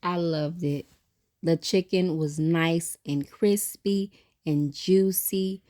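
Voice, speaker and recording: A woman's voice: lowish voice, steady tone, slow pace, mellow. A woman chatting casually as host of a food vlog. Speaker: mukbang host. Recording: music under the voice. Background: background music.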